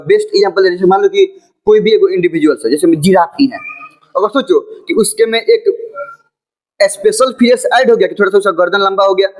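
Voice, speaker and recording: A man teaching a school biology lesson in a casual lecture style, asking rhetorical questions and repeating points, with English textbook lines read slowly. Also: high voice, low-quality recording. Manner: explains with rhetorical questions and repetitions. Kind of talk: informal classroom lecture.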